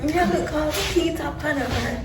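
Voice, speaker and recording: A woman's voice: high voice, moderate pace. A young woman with a Jamaican accent chatting casually in Patois, argumentative and repeating her phrases for emphasis. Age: young adult. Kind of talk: casual bantering chat. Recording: echoey room, distant mic, music behind.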